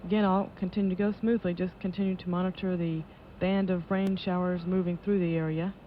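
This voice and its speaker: A woman giving live launch control commentary as an official announcer, in a measured, matter-of-fact way. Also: on the low side, level tone. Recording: dull lo-fi broadcast audio with noise.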